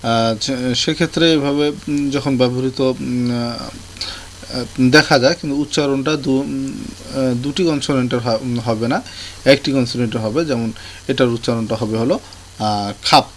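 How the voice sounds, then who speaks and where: A man explaining a language lesson in a tutorial, pausing often with fillers and restarting his sentences. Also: mid-range voice, steady tone. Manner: hesitant, many fillers and restarts. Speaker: language teacher. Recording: faint background noise.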